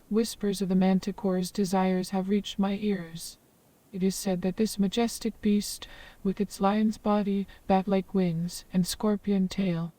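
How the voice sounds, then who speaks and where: A woman's voice: medium pitch, dark tone, dry recording, distant mic, lightly acted. A synthetic woman's voice playing a wise old hermit woman of the forest who speaks in long, ornate, formal sentences.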